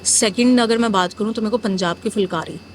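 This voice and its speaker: A woman's voice: mid-range voice, brisk, a little hiss or hum. A young woman from northern India, a muralist, telling her story frankly in a casual interview, mixing Hindi with English. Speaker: muralist guest.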